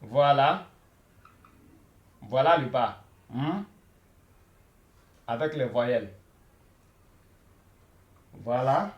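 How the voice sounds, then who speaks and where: A man's voice: medium pitch, lively intonation, very slow, pauses often, roomy sound, lo-fi sound. A man teaching a beginner Arabic lesson, patient, repeating each word many times and checking in with listeners.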